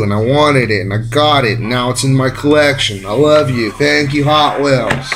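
A man with a Texan accent, a toy car collector, talking casually and excitedly to himself as he shows off his finds, with music playing behind him. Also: mid-range voice, rough recording. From Texas. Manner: excited, rambling, talks to himself while handling toys. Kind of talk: casual unboxing vlog.

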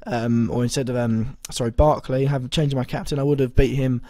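A young man with a slightly hoarse voice that is still recovering, talking through his fantasy football week in a rambling way, full of ums and self-corrections. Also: medium pitch, steady tone, fairly quick, mellow, no echo. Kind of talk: casual video commentary.

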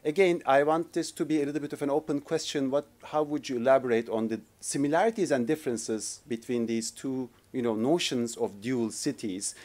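A man from Turkey in his forties speaks fairly quickly, with few pauses, in a darkish medium-pitched voice as a conference panel discussant. Standing at a podium microphone in a lecture hall, he gestures with his notes and hesitates often, with many fillers and restarts.

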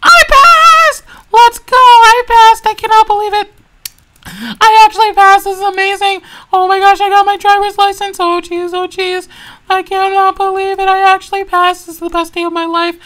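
A woman voicing Mario as a jittery, excitable young male racer who stammers, repeats himself and frets aloud in a fan-made toy video. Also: extremely high pitch, brisk. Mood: overjoyed.

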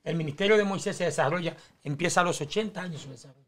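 High-voiced man explaining scripture. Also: racing, a bit bright. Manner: teaching, explains Bible stories step by step. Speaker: preacher in panel talk.

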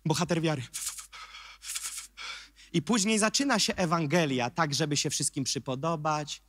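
A man preaching a sermon as pastor, emphatic, swinging from quiet remarks to shouted questions. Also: a little high, moderate pace, dry recording, studio quality.

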